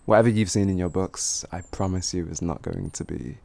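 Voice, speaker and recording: A man with a low, creaky, mellow voice plays a cocky, flirty, streetwise bandit in an improvised fantasy roleplay. His delivery is teasing and theatrical, condescending and warning, with drawn-out phrases and chuckles. There's slight background noise.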